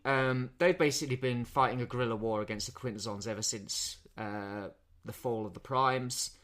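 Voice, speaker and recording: A man's voice: medium pitch, moderate pace, a bit bright. Rambling man reviewing a film. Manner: rambling, with frequent restarts. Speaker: podcast co-host. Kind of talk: casual film review chat.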